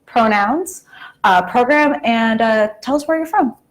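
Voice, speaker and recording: A woman's voice: a little high, unhurried, slight background noise. A woman working in admissions, moderating a live student panel in an upbeat, enthusiastic way.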